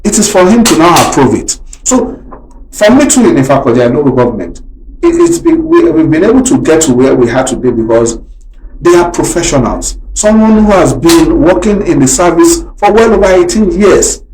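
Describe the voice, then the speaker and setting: A man's voice: a little high, sing-song, normal speed, darkish tone, distant mic, slight background noise. Earnest Nigerian man in a roomy studio. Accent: Nigerian English. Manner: earnest, hesitant, with frequent restarts. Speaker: local government chairman, studio guest. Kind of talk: radio interview.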